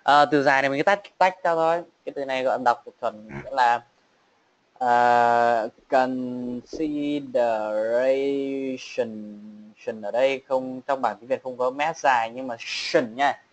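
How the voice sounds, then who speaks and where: A man teaching an online English class, repeating words slowly and checking that learners follow. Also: mid-range voice, rough recording. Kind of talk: online class drilling pronunciation.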